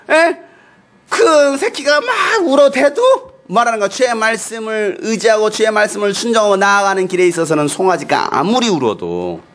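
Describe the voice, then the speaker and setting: A male pastor with a high-pitched voice preaches in an animated, storytelling way. He swings from playful quips into earnest exhortation and often slips into acted bits of dialogue. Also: gravelly. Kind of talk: sermon.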